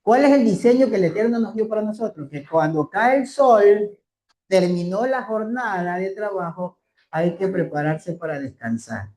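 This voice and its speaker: Torah teacher, mellow, slow emphatic phrasing, rhetorical questions, reverberant room. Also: mid-range voice, expressive. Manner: asks the class rhetorical questions. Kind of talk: teaching a scripture class. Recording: roomy echo.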